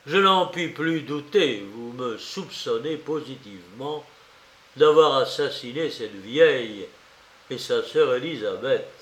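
A man's voice: mid-range voice, lively intonation, takes it slowly, a bit bright, reverberant. A man reading aloud voices a feverish young male student who bursts out in clipped, indignant protests. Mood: defiant.

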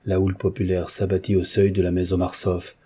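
Deep, husky male narrator. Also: completely flat delivery, mellow. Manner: measured, literary. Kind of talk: audiobook narration.

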